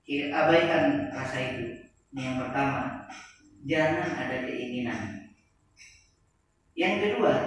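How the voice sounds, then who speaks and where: A man preaching a sermon to boarding school students, slow and deliberate, repeating key phrases for emphasis. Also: on the high side, slight background noise. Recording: echoey hall, distant mic.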